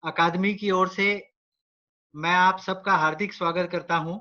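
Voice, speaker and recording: A man hosting an online literary event, introducing poets with measured, formal announcing. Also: sits high, steady tone, pushed and bright. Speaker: host. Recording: dull lo-fi online audio.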